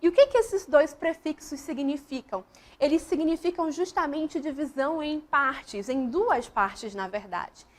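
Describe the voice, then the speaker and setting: A woman's voice: high voice, unhurried. A woman teaching a school grammar lesson, walking through examples step by step and often putting questions to the class. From Brazil.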